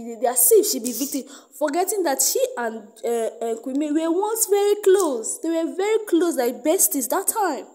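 Nigerian woman, gossip commentator; high-pitched, warm tone, emphatic Pidgin-laced delivery.

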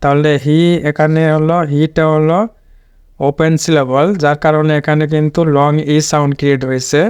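Male English tutor, slightly high, smooth voice, patient and repetitive syllable drilling. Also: little pitch movement, a little mellow, dry recording, clean studio sound. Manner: slow, repeats and drills words syllable by syllable. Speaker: English pronunciation teacher. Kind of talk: explaining a pronunciation lesson.

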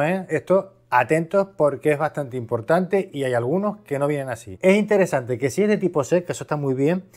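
His voice is on the high side and a little mellow: a man from Spain hosting a video, reviewing a product casually and explaining by asking and answering his own questions.

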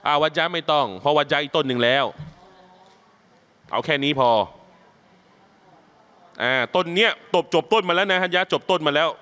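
A man who leads prayer as an imam, teaching new Muslims step by step in a mosque class, speaking patiently and chanting the Arabic recitations slowly for learners to follow. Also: fairly high pitch, sharp tone, clear, resonant tone. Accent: Thai. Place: mosque training session.

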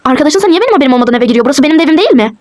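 A woman's voice: high voice, expressive, racing, no room sound. A woman voicing a frantic young husband in a toy role-play, pleading and disbelieving. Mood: distraught.

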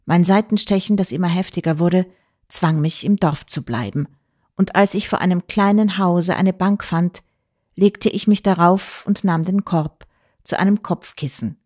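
A woman reading an audiobook aloud in measured, even storytelling. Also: lowish voice. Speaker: audiobook reader. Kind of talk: scripted audiobook narration.

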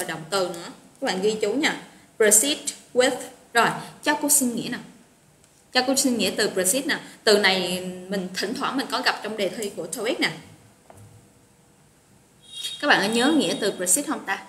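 A woman's voice: fairly high pitch, animated, a little fast, a bit bright. A woman teaching an English vocabulary lesson online, chatty and encouraging, greeting students by name. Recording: roomy echo with faint noise.

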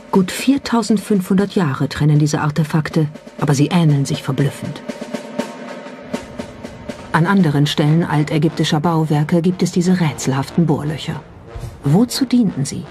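Over clearly audible background music, a documentary narrator reads a script in a medium-pitched, darkish voice. The delivery is skeptical and pointed, with a rhetorical edge.

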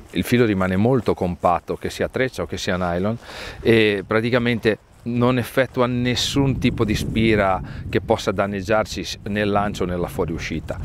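A man in his thirties presenting a fishing reel outdoors on a lakeside jetty, talking haltingly with many restarts and fillers. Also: deep voice, slight background noise. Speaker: brand angler presenting a product. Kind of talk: product demonstration talk.

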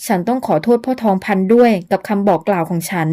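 A woman voicing a young male herbal doctor in an audio novel, earnest and measured, pleading gently. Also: medium pitch, natural voice.

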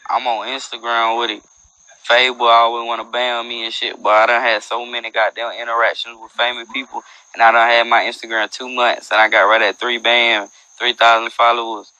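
In a dim room at night, a young adult livestream host brags in loose street slang, trading casual banter and freestyle verses. He speaks fairly quickly with a level tone at medium pitch, his voice pushed and bright. The dry, poor audio comes from an earbud headset mic on a phone.

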